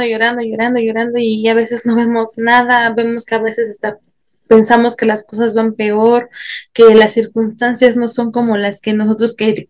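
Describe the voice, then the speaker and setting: A woman with a Mexican Spanish accent gives a Bible lesson for a church course. Her voice sits a bit high, and she talks earnestly, often checking in with rhetorical tag questions. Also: darkish tone. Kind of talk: bible teaching.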